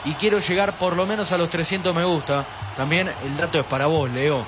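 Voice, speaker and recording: A man's voice: a little high, fairly quick, music in the background. A man with an Argentine accent narrating a live football stream, chatting with viewers, reading their messages and urging them to like. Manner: animated, reads viewer chat aloud, pushes for likes. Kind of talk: live pre-match stream commentary. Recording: steady background noise.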